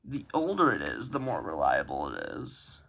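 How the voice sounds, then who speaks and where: A bass-voiced man, his pitch swooping wildly, speaks at a moderate pace with a creaky sound over background noise. He's a hobbyist host filming an unscripted show-and-tell review on a handheld camera in a carpeted room at home, talking hesitantly and rambling.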